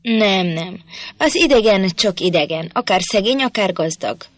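A woman voicing a surly, gruff male farm master in a storybook reading, curt and blunt. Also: medium pitch, lively intonation, no echo, lightly acted.

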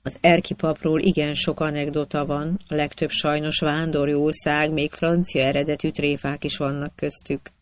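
Storyteller reading old anecdotes, steady measured cadence, dry close mic. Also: medium pitch, no room sound. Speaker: narrator. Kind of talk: reading historical anecdotes aloud.

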